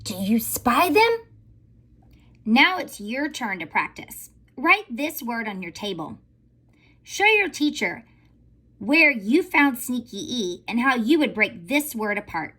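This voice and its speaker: A woman teaching a recorded phonics lesson to young children in an animated, sing-song teacher voice. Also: fairly high pitch, takes it slowly, husky. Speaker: elementary school teacher.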